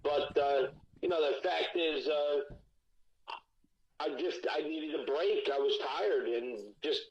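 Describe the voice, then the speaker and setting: A man's voice: on the high side, slow pace, slight background noise. A man calling in as a guest musician, talking bluntly and candidly with frequent restarts, heard over a speakerphone line. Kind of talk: candid phone-in interview. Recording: dull lo-fi phone line.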